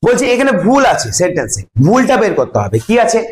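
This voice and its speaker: A man's voice: high voice, huge pitch swings, fast talker. A man with a Bengali accent teaching an English grammar lesson to a class, explaining step by step and asking students questions. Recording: echoey classroom.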